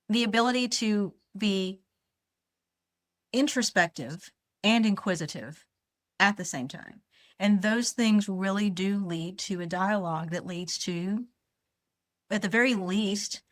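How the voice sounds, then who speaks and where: A middle-aged woman physician, a podcast guest who explains conflict and acts out short example dialogues. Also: mid-range voice. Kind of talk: conversational podcast interview.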